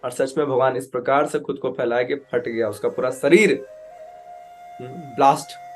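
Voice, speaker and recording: A man telling a devotional scripture story as a preacher, animated, acting out characters and mixing in English words. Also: mid-range voice, moderate pace, soft background music. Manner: animated storyteller, acts out voices with loud outbursts; mixes English words into Hindi.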